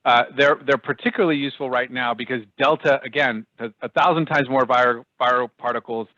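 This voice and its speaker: Halting man on a dull video call. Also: medium pitch, steady tone, bright, forceful tone, no echo. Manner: halting, many restarts and fillers. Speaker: public health speaker.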